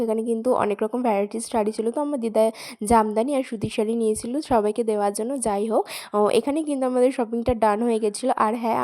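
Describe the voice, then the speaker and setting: Hoarse young woman vlogger, quick and flat. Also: a little high. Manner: chatty, addresses viewers directly. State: hoarse from a cold. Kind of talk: casual voice-over vlog narration.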